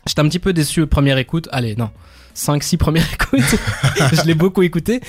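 Fast-talking male radio co-host. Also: fairly high pitch, lively intonation, no room sound. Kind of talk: casual radio chat. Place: radio studio.

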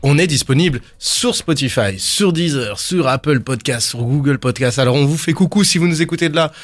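A man's voice: on the high side, brisk. A man hosting a casual radio show, chatting with his co-hosts and running through the rundown. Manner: chatty, animated, announcing the rundown. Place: radio studio.

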